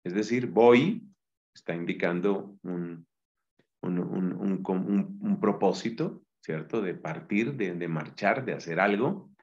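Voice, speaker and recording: A friar with a low voice teaches a Bible Greek lesson, talking very slowly and patiently through each word. The sound is dull and lo-fi. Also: male voice, darkish tone. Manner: slow, patient explaining.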